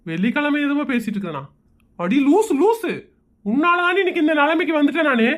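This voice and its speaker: A woman's voice: high-pitched, very animated, fairly quick. A woman voicing a harried village husband in a cartoon, scolding and exasperated. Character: harried village husband, grumbling about money.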